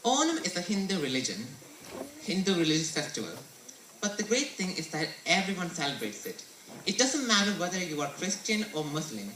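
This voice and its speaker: A man's voice: high voice, very animated, fairly quick, background noise. A teenage boy from India giving a recited, earnest school presentation. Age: teens. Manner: earnest, recited storytelling delivery. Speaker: student presenter. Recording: roomy echo, mic at a distance.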